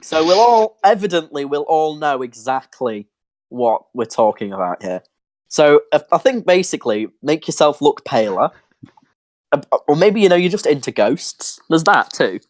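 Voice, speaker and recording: A man's voice: fairly high pitch, big pitch swings, moderate pace, no room sound. A man hosting a casual podcast chat, joking sarcastically and reading steps aloud. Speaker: podcast host.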